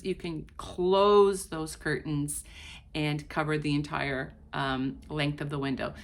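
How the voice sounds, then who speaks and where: A native Portuguese speaker with a fairly low, slightly bright voice vlogs from home, casually handing out advice. She chats away and addresses her viewers directly on camera.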